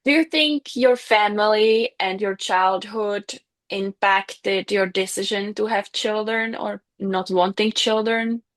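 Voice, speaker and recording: A woman's voice: medium pitch, slow pace, hardly any pauses. Woman host asking polite questions. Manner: brief, polite questions and soft acknowledgements. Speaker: podcast host. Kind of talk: interview questions.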